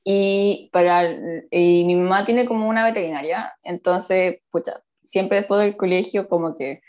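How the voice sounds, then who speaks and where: Her voice sits on the low side and moves at a measured pace as this Chilean woman in her twenties recounts a story in casual conversation. She stays animated throughout, slipping in slang and laughing often.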